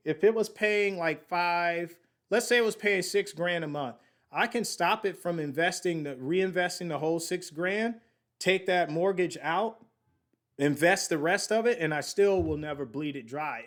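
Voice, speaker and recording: A man in his late thirties hosting a casual podcast about investing, talking to his listeners in a chatty, slangy way and working out sums aloud as he goes. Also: fairly high pitch. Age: late 30s. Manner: slangy, addresses listeners as y'all. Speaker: podcast host.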